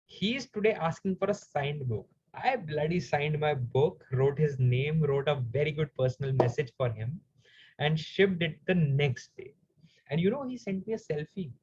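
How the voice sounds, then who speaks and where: A man's voice: a little high, darkish tone, slightly rough, lo-fi sound. A man speaking as a coach in a live Q&A, telling a personal story earnestly and emotionally to his audience.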